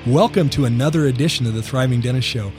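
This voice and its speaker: A man's voice: mid-range voice, quick pace, darkish tone, faint music behind. An American man hosting an interview show, casually chatty and rambling, with many filler words and restarts. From United States. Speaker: podcast host.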